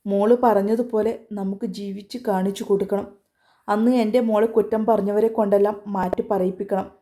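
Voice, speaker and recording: A woman voicing a tearful middle-aged mother who speaks in a soft, sorrowful, pleading way. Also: mid-range voice, little pitch movement, brisk, natural voice. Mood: resolute.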